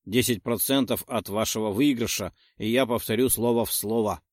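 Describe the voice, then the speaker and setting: A man's voice: fairly low pitch, moderate pace, no room sound, studio quality, lightly acted. A man playing a greedy haggling troll. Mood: sly, haggling.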